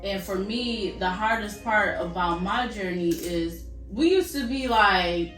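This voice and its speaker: A woman's voice: mid-range voice, measured pace, fairly bright tone. A woman chatting candidly and casually, with a frank, emphatic, colloquial way of talking. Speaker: vlog co-host. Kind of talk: casual candid chat between sisters. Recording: echoey room, distant mic, music underneath. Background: background music.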